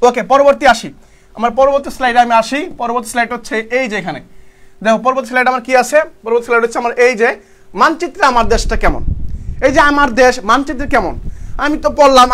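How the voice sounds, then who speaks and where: Young man, tutor, very high voice, quick delivery, asks and answers his own questions. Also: fairly bright tone. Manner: asks questions and answers them himself, repeats key words; calls students brother, speaks colloquially. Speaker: online tutor. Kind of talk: online exam-prep lecture.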